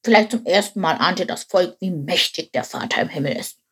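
A woman's voice: on the low side, fairly quick, a bit bright, breathy edge. A woman voicing a know-it-all male frog who tells the story in a matter-of-fact, slightly smug way.

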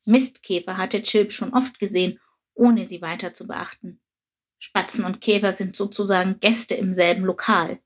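A woman narrates a children's story aloud in a calm, even manner. Her voice sits at a middle pitch and has a soft, breathy quality.

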